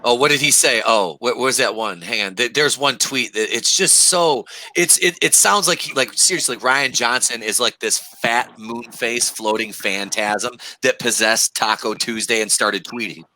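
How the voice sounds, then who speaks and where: Bright-voiced man, mocking and profane. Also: mid-range voice, normal speed, few pauses. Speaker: podcast co-host. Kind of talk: casual chat.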